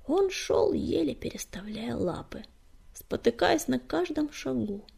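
A woman narrating an audiobook, reading softly and breathily and often sinking to a whisper. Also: high voice, animated, a little slow, gravelly, husky.

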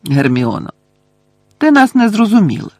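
A man voicing an unflappable teenage prankster boy who talks calmly and teasingly. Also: high-pitched, normal speed, no echo, clean studio sound, pitched above the performer's own voice, exaggerated voice.

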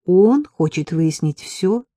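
A woman reading an audiobook, voicing a calm, stubborn young woman who answers patiently and curtly. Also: fairly low pitch, slow, no room sound, clean studio sound. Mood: firm. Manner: patient, curt, firm.

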